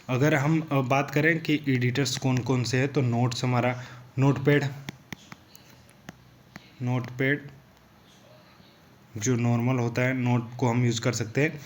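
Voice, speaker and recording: A man's voice: mid-range voice, fairly even intonation, measured pace, pauses often, slight background noise. Young guy teaching coding basics, chatty and repetitive, keeps saying okay guys. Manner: repetitive, loose, filler "thik hai" and "guys". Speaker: programming tutor. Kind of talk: casual tutorial explanation.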